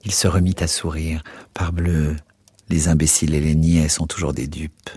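A man hosting a radio reading, telling a novel aloud in a measured, theatrical way. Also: rumbling low, flat delivery, darkish tone, husky, no echo. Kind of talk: dramatic literary reading.

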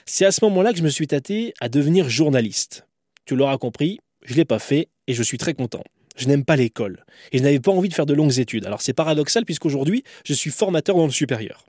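A man's voice: a little high, darkish tone, no echo, studio quality. A man hosting his own podcast, telling his story in a candid, conversational way. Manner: candid, conversational, self-deprecating. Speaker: podcast host. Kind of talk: personal storytelling monologue.

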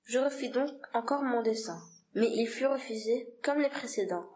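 Woman reading a storybook aloud calmly. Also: on the high side, normal speed, a little hiss or hum. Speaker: reader. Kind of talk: storybook narration read aloud.

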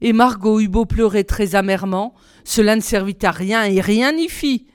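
A woman reading a fairy tale aloud in a measured, expressive storybook style. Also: mid-range voice, smooth, no room sound, studio quality. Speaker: reader.

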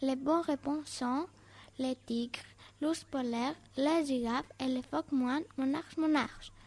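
High-voiced student presenter, slow. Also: female voice, darkish tone. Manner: careful, learner-paced reading. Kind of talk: school radio play.

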